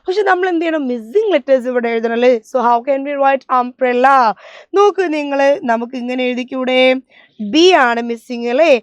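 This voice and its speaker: A woman's voice: high voice, normal speed, no room sound. A young woman teacher, coaxing small children through a spelling lesson and spelling words out letter by letter in a sing-song way.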